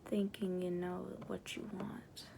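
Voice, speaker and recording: A woman in an ASMR role-play voicing a sly, persuasive she-devil, in a breathy, coaxing demonic soft voice. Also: on the low side, little pitch movement, slow, noisy background. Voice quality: breathy soft voice with creaky edges.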